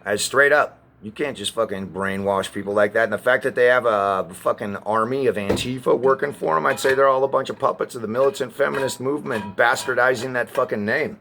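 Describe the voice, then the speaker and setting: A man ranting to camera in an agitated, profane way, often halting and restarting. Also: medium pitch, vocal fry, fairly bright tone, faint music behind. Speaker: vlogger.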